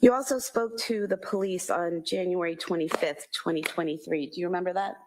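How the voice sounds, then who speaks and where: A woman's voice: fairly low pitch, fairly even intonation, brisk, noisy background. A woman prosecutor cross-examining a witness in a courtroom, pressing pointedly for confirmation.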